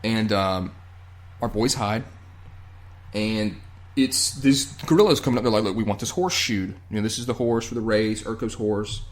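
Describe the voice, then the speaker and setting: A man's voice: lowish voice, steady tone, moderate pace. A man hosting a podcast, casually recapping a TV episode in a loose, profane way with lots of fillers. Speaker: podcast host.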